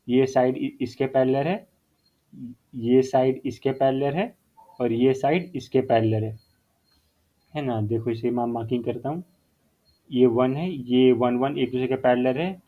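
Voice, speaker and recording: A male math teacher explaining a whiteboard lesson step by step, repeating key terms and mixing in English phrases. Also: mid-range voice. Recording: phone-like narrow sound.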